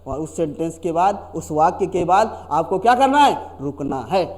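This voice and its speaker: A man's voice: on the high side, very animated, moderate pace, a little mellow. A man teaching a grammar lesson to students, often repeating himself and asking them questions he then answers. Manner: repeats and asks the class questions.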